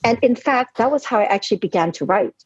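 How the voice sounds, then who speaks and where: Talking fast in a fairly high, animated voice with a slightly rough edge, this woman in her forties was born in Hong Kong and raised in New York City. She's a novelist guesting on a podcast, telling her story earnestly and reflectively and often saying "you know." The recording is dry, dull and lo-fi.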